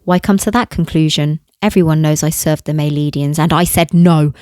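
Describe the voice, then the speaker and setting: A woman's voice: deep voice, steady tone, normal speed, a little mellow, dry recording, clean studio sound, lightly acted. A woman voicing a young male cyborg agent who pleads persistently.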